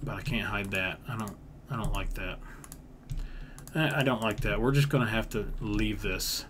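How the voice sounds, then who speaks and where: With a lowish, fairly bright voice at a moderate pace, the gaming video creator talks casually through a build. He repeats himself and uses folksy grammar as he thinks aloud, and the background includes noise and keyboard typing.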